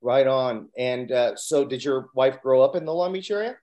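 A man's voice: mid-range voice, animated, moderate pace, warm tone, highs cut off. A man hosting a local podcast, asking questions in an upbeat, enthusiastic way. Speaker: podcast host. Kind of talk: casual interview hosting.

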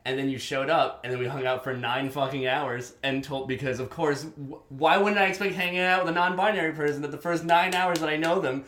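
A man's voice: on the high side, a little fast, hardly any pauses. A man in his thirties chatting casually in his home studio, telling stories with lots of swearing and laughs. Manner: animated storytelling, swearing, laughing. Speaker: podcast host, musician. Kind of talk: casual chat. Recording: echoey room.

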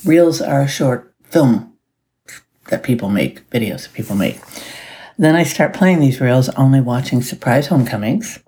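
A woman's voice: very deep voice, very animated, moderate pace, dark tone. A woman hosting a solo podcast as a life coach, chatting in a groggy early-morning voice, upbeat and with little laughs. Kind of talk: casual solo podcast talk.

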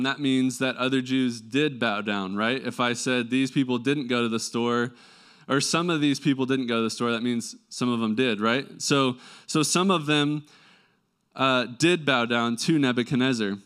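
A man's voice: medium pitch, steady tone, normal speed, a bit bright, clear, resonant tone. Nasal male preacher with a slight cold. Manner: conversational, checks in with rhetorical questions. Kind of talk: sermon with scripture reading and explanation.

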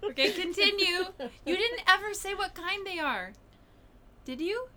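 A woman's voice: very high voice, expressive, unhurried, sharp tone. A young adult woman co-hosting a casual chat, teasing her partner in a playfully dramatic way. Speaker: podcast co-host.

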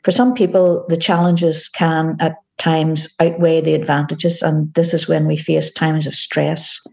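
A woman from Northern Ireland, with a deep, creaky voice and a Northern Irish accent. She directs a community organisation and appears as a podcast interview guest, answering calmly and in a measured way.

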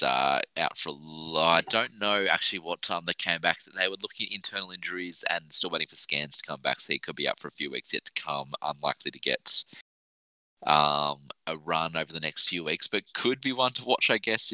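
An Australian man hosts a casual sports podcast. His voice is extremely deep with a hard, bright, forceful edge. He talks in an informal, blokey way, and the sound is close and dry. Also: dry recording, poor audio. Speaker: podcast host.

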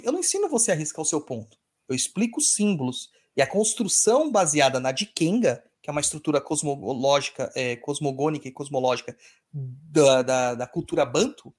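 Husky high-voiced man explaining casually. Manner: teaching, repeats key phrases, addresses listener directly. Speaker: spiritual teacher and podcast host.

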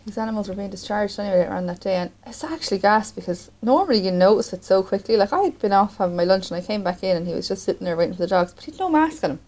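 A woman's voice: medium pitch, expressive, racing, hardly any pauses, a little mellow, low-quality recording. An Irish woman co-hosting a podcast, chatting casually in a colloquial way. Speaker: podcast co-host. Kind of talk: casual chat.

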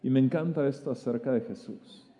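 A man's voice: mid-range voice, fairly quick, dark tone. A man preaching a sermon, retelling the story vividly with stammered restarts. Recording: long reverb of a hall.

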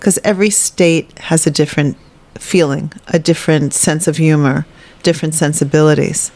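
Low-voiced chatty woman comedian. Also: steady tone, moderate pace, a little mellow. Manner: chatty, candid, with frequent fillers. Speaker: guest, stand-up comedian. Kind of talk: casual interview conversation.

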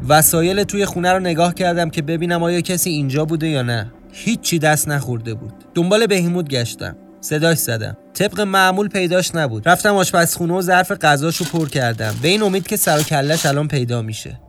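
Brief: male storyteller, slightly higher voice, tense first-person narration, soft music underneath. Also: expressive. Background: faint music.

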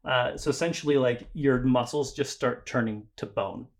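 A man co-hosting a casual podcast. His pitch sits in the middle range, and he rambles, jokes and trips over his words as he explains things. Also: normal speed. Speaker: podcast co-host. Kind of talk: casual chat.

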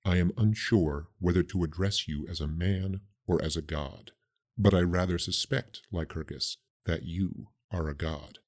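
A man doing a husky, grave ancient oracle priestess. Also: deep voice, darkish tone, voice pushed down. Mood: solemn prophetic. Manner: slow, grave, prophetic delivery. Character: solemn cryptic ancient priestess oracle, woman.

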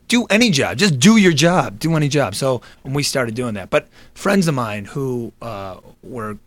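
A man in his thirties, a guest improv comedian chatting casually, rambling with lots of fillers and restarts. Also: medium pitch. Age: 30s. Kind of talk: casual interview chat.

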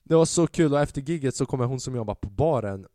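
A man hosting a solo podcast, telling a stand-up story in a casual, profane and animated way and acting out the voices he quotes. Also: medium pitch, dry recording, studio quality. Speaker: podcast host and stand-up comedian.

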